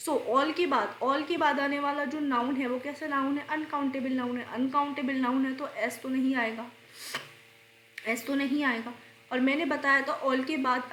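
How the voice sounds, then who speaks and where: A woman teaching grammar for exams, explaining slowly, repeating answers and posing questions she answers herself, coughing and clearing her throat while unwell. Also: sits high, fairly bright tone, reverberant, slight background noise. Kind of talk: exam-prep grammar lesson.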